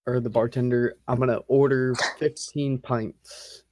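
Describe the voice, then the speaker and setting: A man's voice: medium pitch, flat delivery, a little slow, a little mellow, slight background noise. A man playing in a casual tabletop game, asking short questions of the game master and saying his actions. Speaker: player.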